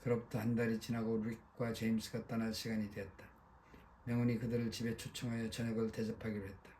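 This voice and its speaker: A man narrating a science fiction audiobook in a steady reading. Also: fairly low pitch, fast talker, slight background noise.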